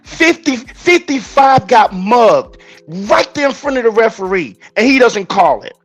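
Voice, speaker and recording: A man's voice: sits high, very animated, a little slow. A man ranting angrily about a football loss on a podcast, exasperated and emphatic. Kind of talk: heated sports rant.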